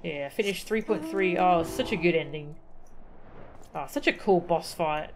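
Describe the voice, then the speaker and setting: A game livestreamer with a lowish voice chats casually while she plays, unhurried and easily delighted. The background is noisy, with loud video game music behind her.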